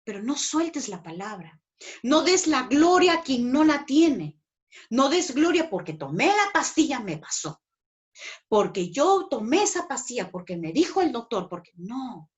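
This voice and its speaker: Woman preacher, Peruvian Spanish accent, emphatic sermon, fairly high voice. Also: very animated, unhurried, highs cut off. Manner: emphatic, acts out inner voices. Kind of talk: sermon teaching.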